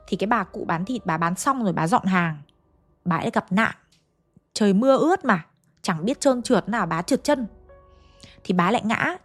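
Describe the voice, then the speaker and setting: A woman narrates a ghost story as if chatting with friends, often calling out to her listeners. Her voice sits at an ordinary pitch for a woman. Soft music plays quietly underneath. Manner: chatty, addresses listeners directly. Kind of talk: casual storytelling.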